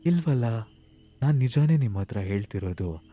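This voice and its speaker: A man's voice: mid-range voice, lively intonation, normal speed, warm tone, highs cut off, faint music behind, voice pushed down, natural voice. Man doing a gloomy, secretive traveller. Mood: brooding.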